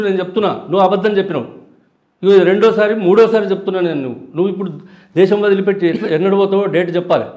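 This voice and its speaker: A man's voice: sits high, darkish tone, echoey room. An older man with a Telangana Telugu accent, a politician answering interview questions in an angry, accusatory way, challenging a rival directly. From Telangana, India.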